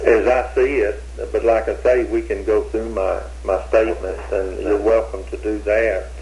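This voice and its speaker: A man's voice: lowish voice, level tone, moderate pace, darkish tone, rough recording. An older man being questioned, talking in a hesitant, rambling way with many restarts, heard on an old interrogation tape recording.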